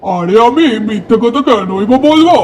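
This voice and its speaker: A man plays a greedy male crow in a cartoon story, sly and plotting. The voice sits high and swings up and down as he gloats. A hiss of noise runs under it. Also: expressive, normal speed, muffled recording. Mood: conspiratorial. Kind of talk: cartoon voice acting.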